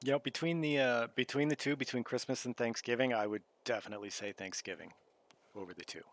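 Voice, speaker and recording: A man's voice: mid-range voice, quick pace. A man from the United States, streaming and chatting casually, easygoing and rambling with lots of fillers. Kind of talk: casual chat. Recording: faint background noise.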